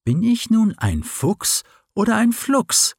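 A man's voice: high voice, wildly swooping pitch, slow, vocal fry, darkish tone, husky, no room sound, studio quality, pitched above the performer's own voice, heavily acted. A man voicing a restless, self-doubting young fox in a storybook reading. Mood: questioning.

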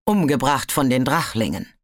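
A storybook narrator voicing a calm sea dragon who speaks dryly and evenly. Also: medium pitch, dry recording. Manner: dry, measured. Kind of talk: audiobook character voice.

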